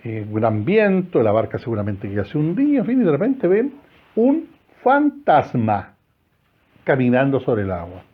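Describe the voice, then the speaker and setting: A man's voice: medium pitch, wildly swooping pitch, measured pace, narrow, tinny audio. A male priest with a Chilean accent preaching a homily in a chapel, talking conversationally and asking the congregation questions. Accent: Chilean Spanish.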